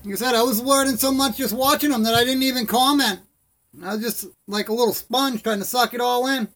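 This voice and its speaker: A man's voice: extremely high pitch, fairly even intonation, a little fast, fairly bright tone. A man with toothless, slightly slurred speech, lips over gums, hosting a casual live stream in a rambling, friendly way. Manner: rambling, friendly, addresses viewers as buddy.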